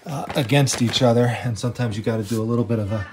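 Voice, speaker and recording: Talking fast in a mid-range voice, a treasure-hunting vlogger walks through an estate sale house with a handheld camera in first-person view. His casual chat is packed with "I mean" and "you know," and there's background noise.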